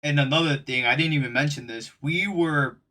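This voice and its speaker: A young man telling a casual storytime in an animated, slangy way, acting out the quotes. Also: a little high, brisk.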